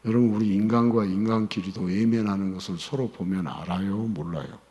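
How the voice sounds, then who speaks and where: A male pastor preaching a sermon, swinging between hushed pleading and loud emphatic calls. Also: fairly low pitch, fairly quick. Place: church sanctuary. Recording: church hall with long reverb.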